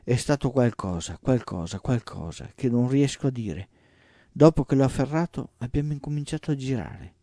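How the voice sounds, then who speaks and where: Man reading mischievous old sorcerer, playful and animated, mellow tone, dry close sound. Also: mid-range voice, normal speed, no echo. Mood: recounting.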